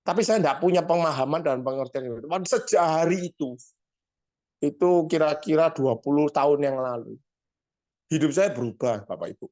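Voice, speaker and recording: A man's voice: on the high side, expressive, normal speed, a little mellow. A man, a pastor from Surabaya with an East Javanese accent, telling a story in a sermon and addressing the congregation directly. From Surabaya, Indonesia.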